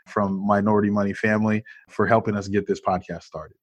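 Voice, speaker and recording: Male podcast host, low voice, affirming and upbeat, dry close sound. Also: level tone, brisk, no room sound. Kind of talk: casual podcast interview.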